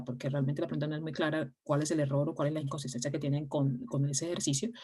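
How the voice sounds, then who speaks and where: Low-voiced woman teaching online. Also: a little mellow. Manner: explains step by step with frequent fillers and restarts. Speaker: English teacher. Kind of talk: online class explanation.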